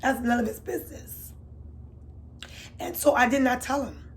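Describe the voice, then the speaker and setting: A woman telling a candid storytime to her viewers, chatty and confiding, swinging from loud emphatic bursts to low murmurs. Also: moderate pace. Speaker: beauty vlogger. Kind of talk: storytime vlog.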